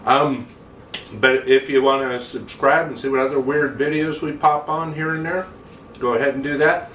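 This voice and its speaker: A man's voice: medium pitch, steady tone, normal speed, fairly bright tone, slight background noise. A man hosting a casual home cooking video, easygoing and plainspoken as he walks through a family recipe. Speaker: home cook, channel host.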